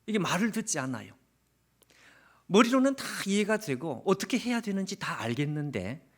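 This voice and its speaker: A male pastor delivers a revival sermon in a church, his somewhat high voice rising and falling in a very lively way. He keeps asking his listeners questions directly, and at times he drops into a hushed, near-whispered prayer. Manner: earnest, asks the congregation questions directly. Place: church sanctuary.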